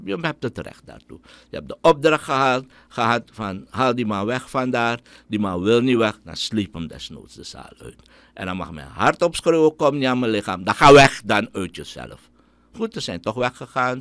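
A man's voice: lowish voice, a bit bright, no room sound. A middle-aged man with a Surinamese Dutch accent, giving an indignant, scornful opinion monologue as a radio commentator.

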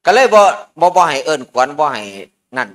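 Isan monk for a relaxed ceremony sermon, slightly high male voice, folksy and joking. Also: brisk. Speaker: Buddhist monk. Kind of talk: informal sermon at a merit-making ceremony.

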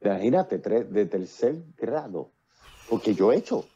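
Through earphones with a built-in mic, the muffled audio carries a Puerto Rican man in his fifties, a playwright and actor, guesting on a casual video-call interview. He talks at length in a Puerto Rican Spanish accent, with many fillers and restarts. His voice is fairly low, dark and husky, a little slow, with big pitch swings.

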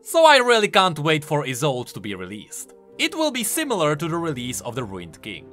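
Speaking a little fast, a video game lore YouTuber narrates his explainer in a bright, higher voice over music. He's extremely animated, driving home each point like an eager gaming commentator.

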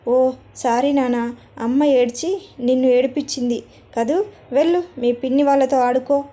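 A woman's voice: high voice, fairly even intonation, normal speed, dark tone. A tender young mother, read by a woman. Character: young mother tender and protective of her son.

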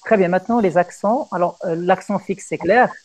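Un homme, professeur, donne un cours de poésie française en visioconférence, patient et guidant ses élèves. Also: male voice, sits high, moderate pace. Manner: patient, guiding, repeats praise. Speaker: teacher. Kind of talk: online French poetry lesson.

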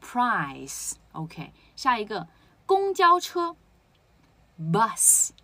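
Woman, pronunciation teacher, husky voice, animated pitch, drills words aloud. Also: fast, no echo. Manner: explains step by step, asks rhetorical questions, drills words aloud. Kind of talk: spoken lesson.

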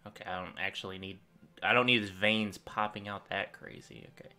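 Speaking a little fast in a lowish voice, this young man runs a gaming channel and rambles casually while playing, thinking out loud. The setting is a desk in a small home room, and his volume rises and falls with energy.

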